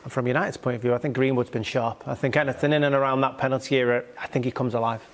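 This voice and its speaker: Male football pundit with middling pitch. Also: steady tone, rapid-fire. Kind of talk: measured match analysis.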